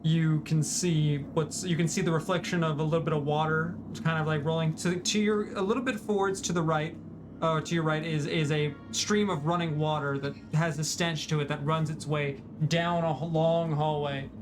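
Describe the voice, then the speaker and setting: A man's voice: fairly high pitch, fairly even intonation, normal speed, over music. Man narrating as game master. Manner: descriptive, with frequent restarts and fillers.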